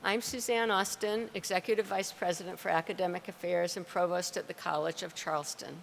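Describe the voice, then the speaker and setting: A middle-aged woman, a university provost, formally and deliberately reading out names at a ceremony. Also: on the low side, fairly even intonation, gravelly. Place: large ceremony venue. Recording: reverberant hall with faint crowd and noise.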